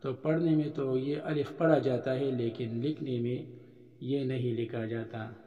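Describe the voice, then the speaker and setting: A man's voice: medium pitch, darkish tone, lo-fi sound. A man teaching an Arabic lesson, patiently explaining each point and drawing out the example words. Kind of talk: recorded religious-school lesson. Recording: roomy hall echo.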